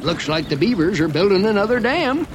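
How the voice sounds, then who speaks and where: Folksy Old West tour guide, rural Western American drawl, high voice, very animated intonation, wry theme park narration, noisy ride ambience. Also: male voice, fairly quick. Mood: genial, wry. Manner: drawling, folksy dialect with chuckles.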